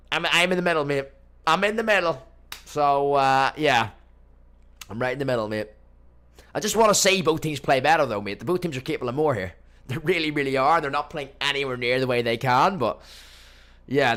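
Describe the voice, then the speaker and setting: A young man hosts a live football watchalong from his home streaming room, chatting with viewers he calls boys and mate and bursting into excited reactions to the match. His mid-range voice is smooth.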